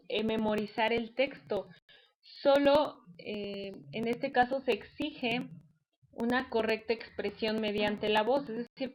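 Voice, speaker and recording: A woman's voice: a little high, rough recording. Patient woman teaching a class. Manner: patient explanatory tone with frequent "eh" fillers. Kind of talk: online class lecture.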